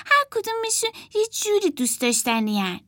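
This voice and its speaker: A woman voicing Emma, a bossy, excitable little girl who talks eagerly and insistently. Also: very high-pitched, no echo, clean studio sound, voice pushed up, heavily acted.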